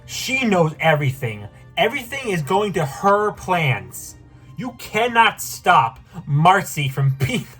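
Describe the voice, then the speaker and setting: A man casually ranking cartoon and game characters, animated and excitable, often breaking into high-pitched outbursts with a slightly strained voice. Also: unhurried, slightly rough, soft background music. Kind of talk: casual tier-list commentary.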